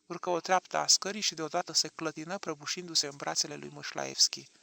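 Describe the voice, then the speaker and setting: Creaky, bright-voiced male narrator. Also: a little high, no room sound. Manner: expressive, dramatic reading. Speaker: audiobook narrator. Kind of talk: audiobook narration.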